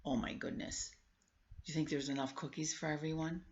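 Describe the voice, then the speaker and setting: Reading a storybook aloud to children, a woman coaxes them with questions and exclaims in conversational asides. Her voice sits low and moves briskly with a slightly mellow tone, though the recording is muffled.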